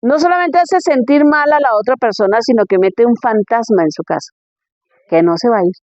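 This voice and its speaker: Woman pastor, high voice, conversational sermon, dry and dull-sounding recording. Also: fairly quick, darkish tone, no echo. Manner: conversational, asks rhetorical questions. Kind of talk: conference sermon.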